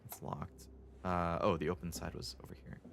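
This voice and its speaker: A man's voice: low voice, flat delivery, moderate pace, creaky, fairly bright tone, slight background noise. A man live streaming a horror game, chatting casually and nervously muttering to himself as he plays. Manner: nervous, uneasy, muttering to himself while playing. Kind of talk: casual chat while playing a horror game.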